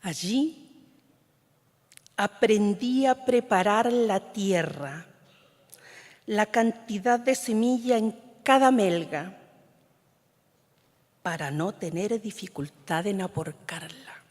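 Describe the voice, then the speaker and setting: With a mid-range, darkish voice, a Chilean woman whose mother tongue is Mapudungun (Huilliche) gives a slow, solemn poetry reading in a large conference hall. She reads in a measured manner, often letting lines trail off into a whisper, and the big hall's long reverb surrounds her.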